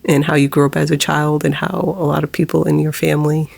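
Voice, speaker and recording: A woman in her forties, vlogging, shares something personal with hesitation and nervous laughs as she tries not to cry. Her low, monotone voice carries noticeable vocal fry.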